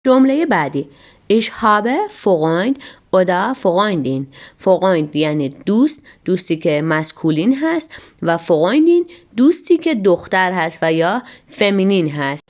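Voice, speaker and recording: Woman, language teacher, lively intonation, slow careful repetition of example sentences. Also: mid-range voice. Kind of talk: language lesson.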